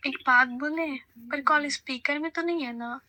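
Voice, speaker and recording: A woman's voice: high voice, normal speed, pushed and bright, no room sound. A woman's voice run through a voice changer, coaxing and flirty on a prank phone call. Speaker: prank caller.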